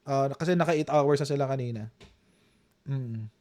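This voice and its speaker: A man with a Filipino accent doing casual live-stream commentary, animated and mocking, laughing often. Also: mid-range voice, normal speed.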